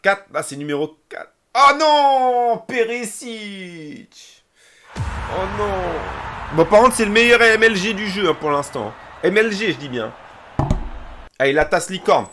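A young man with a high voice streams a football video game, speaking slowly yet casually and excitably about pack openings. When cards are revealed, he chants and shouts.

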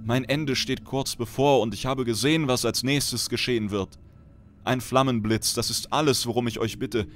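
Desperate dying woman prisoner, high strained plea, voiced by a male reader. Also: fairly even intonation, moderate pace, natural voice. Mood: pleading. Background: background music.

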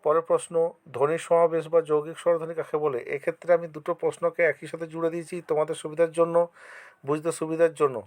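A man with a West Bengal Bengali accent, teaching an exam-prep lesson. He reads out each question, then answers it with examples. He speaks to his students directly and encourages them, in a somewhat high voice. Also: darkish tone. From West Bengal, India.

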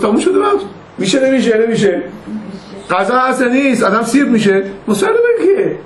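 Older rabbi chatting through a lesson, high-ish voice, roomy echo, faint hiss. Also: male voice. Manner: conversational, anecdotal, acts out quoted dialogue. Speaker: rabbi teaching a class. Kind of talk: informal religious lesson. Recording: echoey room with faint noise.

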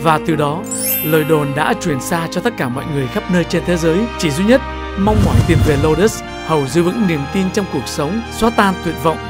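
A man's voice: a little high, fairly quick. Man reading a grand commercial over music. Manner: grand, promotional delivery. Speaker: ad announcer.

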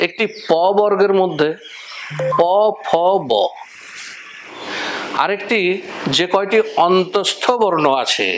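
Man teaching Bengali letters, high voice. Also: noisy background. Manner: measured, explanatory, lists examples one by one. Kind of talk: spoken lesson on pronunciation.

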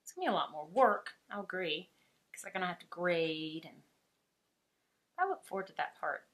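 Chatty Southern woman with a bright voice. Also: fairly low pitch, normal speed. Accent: Southern American. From Alabama. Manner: chatty, laughing often, animated. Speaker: art teacher. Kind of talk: casual chat while painting.

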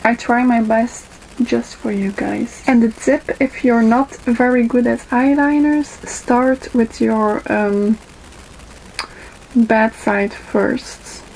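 In a low-quality webcam recording from a small bedroom, a twentysomething beauty vlogger with Dutch as her first language and a Dutch accent applies makeup unhurriedly, pausing and saying um often. Her fairly high voice is creaky and darkish with fairly even intonation, and a little hiss or hum can be heard.

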